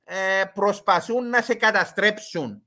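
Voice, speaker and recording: A man's voice: sits high, bright, forceful tone. A man with a Cypriot Greek accent giving explanatory commentary as an expert guest in an interview.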